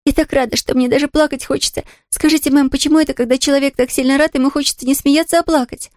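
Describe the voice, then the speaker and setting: A reader voicing an excitable young girl in an audiobook, bursting with joy and on the edge of happy tears. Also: high voice, fast, dry recording, clean studio sound, voice pushed up, natural voice. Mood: overjoyed. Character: joyful emotional young girl. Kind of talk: audiobook character voice.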